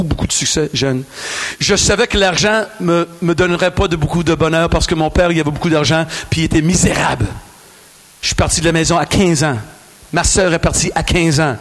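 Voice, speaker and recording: A man with a Québécois French accent preaching a lively sermon to a large crowd, joking and asking the audience questions. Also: a little high.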